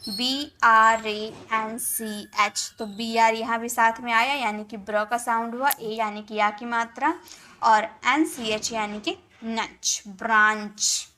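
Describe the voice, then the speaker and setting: A woman with an Indian accent teaching an English spelling and pronunciation lesson, spelling out letters slowly and repeating each word several times. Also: a little high, steady tone, sharp tone, a little hiss or hum.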